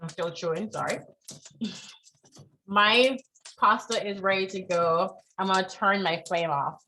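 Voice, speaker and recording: Woman cooking instructor, chatty, encouraging, checks in with students, mid-pitched voice. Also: unhurried, pushed and bright, slight background noise, poor audio. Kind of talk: live online cooking lesson.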